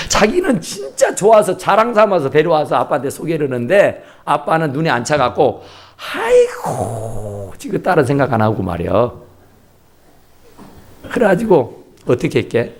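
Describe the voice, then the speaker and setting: A man's voice: fairly high pitch, normal speed, pauses often. A man preaching a sermon, telling stories animatedly and acting out voices. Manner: animated storytelling with acted-out voices. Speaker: pastor. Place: church sanctuary.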